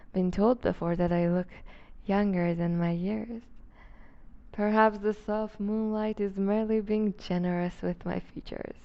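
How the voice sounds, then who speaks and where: A woman playing a seductive, predatory vampire duchess in an intimate ASMR roleplay, refined, teasing and condescending, with a breathy voice that slips toward a whisper. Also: medium pitch, muffled recording. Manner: refined, teasing, condescending, deliberate formal diction.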